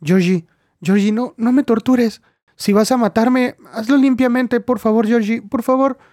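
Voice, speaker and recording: A man's voice: normal speed, darkish tone, dry recording, studio quality. A man voicing a terrified young woman. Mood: pleading terror. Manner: high, strained and pleading.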